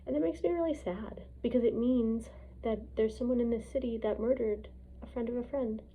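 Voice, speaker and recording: Recorded on a phone with dull, lo-fi sound, this Edmonton vlogger, who is also learning piano, rambles through a personal monologue. She's blunt, opinionated, and hesitant, swearing often. Her voice is a little high, fairly quick, and mellow, with a husky, creaky quality.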